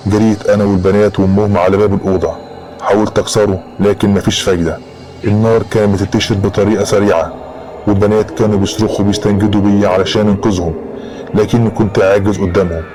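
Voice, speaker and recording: A man's voice: lowish voice, little pitch movement, fast talker, mellow, soft background music. A man with an Egyptian Arabic accent narrating a horror story in the first person, in a dramatic storytelling style.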